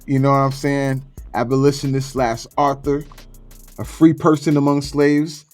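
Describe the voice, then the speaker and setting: A man's voice: medium pitch, flat delivery, normal speed, a little mellow, faint music behind. A man from Florida hosting a casual podcast chat, laid-back and slangy, going down a list with plenty of fillers. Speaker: podcast host.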